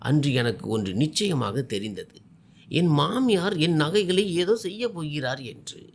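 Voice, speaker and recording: A man tells a first-person family drama story in a husky, slightly rough voice. His pitch sits on the high side and swings widely through the emotional passages. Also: animated, moderate pace. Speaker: story narrator.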